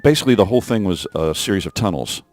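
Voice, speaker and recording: A man's voice: sits low, lively intonation, racing, darkish tone, dry recording. A man giving rambling developer commentary over gameplay of a mission he designed, with many fillers and restarts. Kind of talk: let's play developer commentary.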